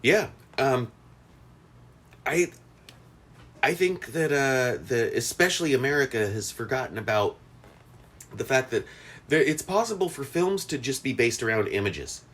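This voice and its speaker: A man's voice: measured pace, pauses often. A man co-hosting a podcast in casual chat, rambling with fillers and restarts. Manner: rambling, many fillers and restarts, lively pitch. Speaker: podcast co-host.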